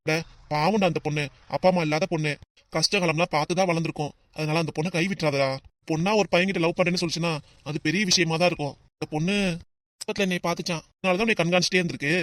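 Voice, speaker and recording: Cartoon: a voice actor as a loud, joshing young pal, southern Tamil Nadu accent, brisk and dry. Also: mid-range voice, steady tone, no echo, lightly acted. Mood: teasing. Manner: boisterous, mocking. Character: loud teasing young male buddy. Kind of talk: cartoon voice acting.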